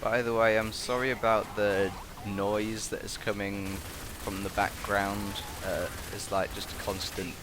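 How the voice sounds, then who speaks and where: A man's voice: fairly low pitch, flat delivery, measured pace, few pauses. A young British man giving a casual, hesitant, meandering commentary into a gaming headset, like a student chatting to his viewers. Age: young adult. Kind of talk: casual rambling vlog commentary. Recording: constant buzzing, hissy background noise. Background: constant buzz and hiss.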